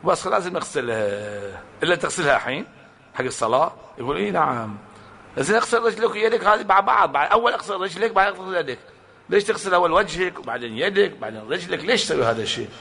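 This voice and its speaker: A man's voice: sits high, rapid-fire, creaky, a little hiss or hum. A man preaching a sermon to a congregation, telling stories, acting out quotes and firing rhetorical questions. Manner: animated storytelling with acted-out quotes and rhetorical questions.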